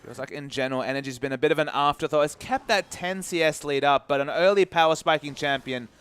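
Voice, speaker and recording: A man commentating an esports match, analytical and measured in his play-by-play. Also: on the high side, fairly bright tone, clean tone.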